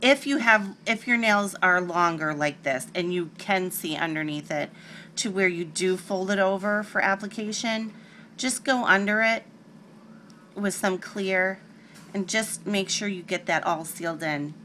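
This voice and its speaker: A woman's voice: medium pitch, a little slow, sharp tone, slight background noise. A woman hosting a casual nail art tutorial, talking through each step with chatty, rambling asides.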